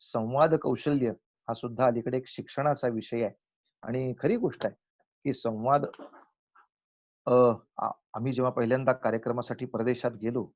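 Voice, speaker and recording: A man giving a spiritual lecture, telling folk tales and slowly chanting verses between his explanations. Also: mid-range voice, fairly even intonation, a little mellow, dull audio. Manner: acts out village characters in a folk tale, chants verses slowly.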